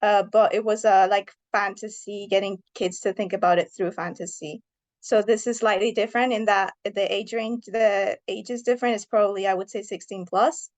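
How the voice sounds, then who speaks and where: A woman's voice: medium pitch, fairly even intonation, normal speed, darkish tone. A woman in her thirties, originally from Iran, an author answering interview questions thoughtfully and earnestly.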